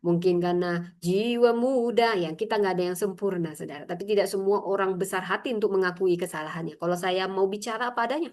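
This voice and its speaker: A woman pastor preaching an expository sermon, emphatic, often calling out to her congregation and mocking critics in shrill put-on voices. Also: quick pace, darkish tone. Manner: emphatic preaching, addresses congregation as brothers and sisters.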